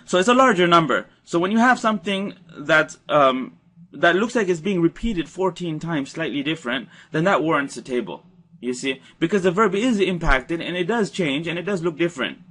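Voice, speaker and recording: A man's voice: on the high side, animated, normal speed, fairly bright tone. A man teaching Arabic verb conjugation in a recorded slide lecture, explaining patiently and repeating key points.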